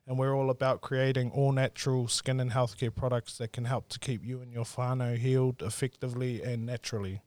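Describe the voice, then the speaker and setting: A man's voice: medium pitch, flat delivery, a little fast, few pauses, a little mellow, dry recording. Young New Zealand man, Māori English accent. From South Auckland, New Zealand. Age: 20s. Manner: laid-back, earnest, colloquial. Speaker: podcast guest, entrepreneur. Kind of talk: casual interview chat.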